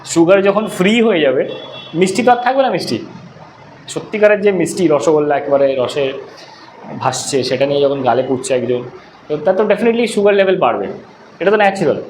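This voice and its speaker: A man's voice: on the high side, expressive, brisk, pauses often, a little mellow. A man teaching an English class as tutor, talking conversationally and often checking that students follow. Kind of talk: classroom lecture. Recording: roomy echo, faint room noise.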